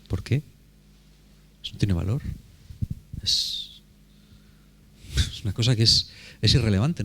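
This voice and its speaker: A man's voice: fairly low pitch, a little mellow. A man preaching a sermon in a conversational, emphatic way, often asking rhetorical questions.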